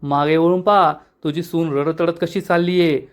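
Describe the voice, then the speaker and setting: A man's voice: fairly high pitch, steady tone, moderate pace, clean tone, close to an everyday voice. A man voicing a spiteful village rival who mocks and jeers at his enemy. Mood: mocking. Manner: mocking, jeering.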